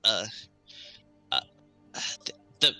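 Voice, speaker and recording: A man's voice: slow pace, pushed and bright, soft background music. A man voicing a tiny, foul-mouthed male pixie sprite with an annoying little voice, insistent and snappish, in a tabletop game. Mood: defensive, urgent. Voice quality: small, annoying voice. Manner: insistent, snappish, easily sidetracked.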